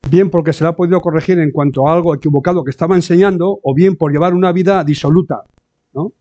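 A man delivers a sermon in a conversational way, his voice pitched a little high yet mellow in tone. He keeps asking his listeners short tag questions and now and then acts out the voices of the people he quotes. The recording sounds dull and lo-fi. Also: fast. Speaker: preacher.

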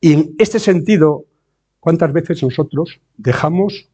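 Husky preacher, dull recording. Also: male voice, fairly high pitch, dark tone. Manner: rhetorical questions and tag checks like eh and no; slows and stresses key words. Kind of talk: sermon. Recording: dull lo-fi sound.

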